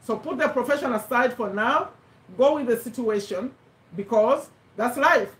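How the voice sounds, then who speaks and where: A middle-aged woman from Uganda, English not her first language, giving an animated motivational talk and repeating her points for emphasis. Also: on the high side, moderate pace, distant mic. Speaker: host of a live business talk. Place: home room with a bookshelf, indoors. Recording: echoey room, voice a little off-mic.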